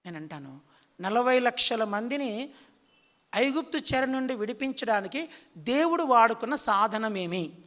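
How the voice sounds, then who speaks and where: Preacher, male, very high and forceful voice, keeps quizzing the congregation, long reverb of a hall. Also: animated, unhurried, pauses often. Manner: quizzes the audience with repeated questions. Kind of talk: sermon.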